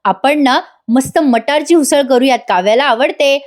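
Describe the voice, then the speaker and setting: A woman's voice: high voice, normal speed, natural voice. A woman reading the lines of a cheerful, doting mother-in-law. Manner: warm, doting.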